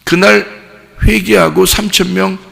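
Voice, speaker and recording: A male pastor preaches in a church sanctuary, his voice gravelly and bright with a somewhat raised pitch. He talks in an animated, conversational way, asks his listeners questions and acts out the voices he quotes. A long reverb from the hall trails after each phrase. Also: a little slow. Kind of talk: sermon.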